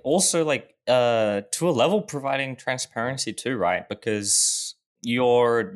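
A man's voice: on the low side, fairly bright tone. A man in his twenties, a startup founder guest in a casual podcast interview, explaining his work with frequent restarts and fillers. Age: 20s.

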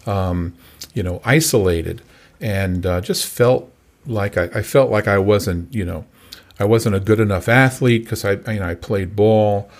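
Older man, recovery coach guest, low voice, halting delivery with lots of restarts. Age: 60s. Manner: halting, many fillers and restarts. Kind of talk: casual conversation.

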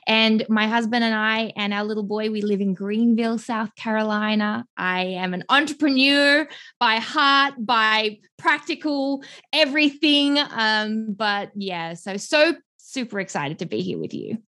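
A woman in her thirties with an Australian accent, from Melbourne, talking as a guest on a podcast in an effusive, animated way. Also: fairly high pitch, measured pace. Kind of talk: podcast interview conversation.

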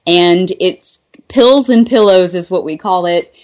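A woman's voice: on the low side, a little slow. A woman guest on a podcast, chatting casually with laughs and many fillers. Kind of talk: casual chat.

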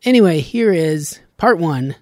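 Male podcast host, casual and rambling, laughs a lot, fairly high voice, dry studio sound. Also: lively intonation, a little slow, no echo. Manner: rambling, chatty, laughs often.

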